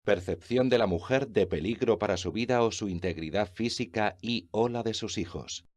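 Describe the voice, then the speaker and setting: A man reading informational text aloud in an even, list-like way. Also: on the low side, normal speed.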